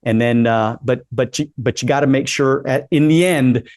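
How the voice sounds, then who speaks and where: A man's voice: medium pitch, normal speed, darkish tone, no room sound. A man in his late forties hosting a casual interview, upbeat and encouraging, often repeating himself as he talks. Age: 40s. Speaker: podcast host.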